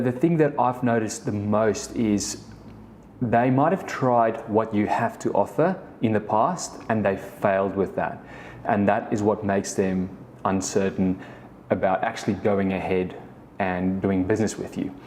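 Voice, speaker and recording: With a fairly low, darkish voice and a little background noise, this thirty-something South African podcaster, a native Afrikaans speaker and business co-founder, talks alone in a relaxed way. His story wanders, full of restarts and repeated "the thing is."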